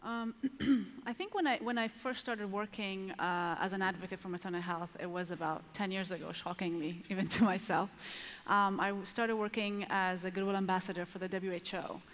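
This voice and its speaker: A woman in her thirties from Ethiopia, answering earnestly on a conference panel through a headset mic, pausing and restarting as she thinks. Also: medium pitch, steady tone, fairly bright tone. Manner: earnest, thoughtful, with pauses and restarts. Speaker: panelist, maternal health advocate. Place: large conference stage with long reverb. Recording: reverberant large hall.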